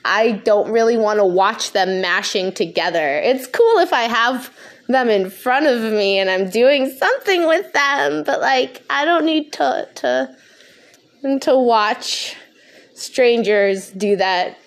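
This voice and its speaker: A woman's voice: fairly high pitch, animated, takes it slowly. A stoned woman podcast host talking casually and frankly, rambling, swearing freely and losing her thread.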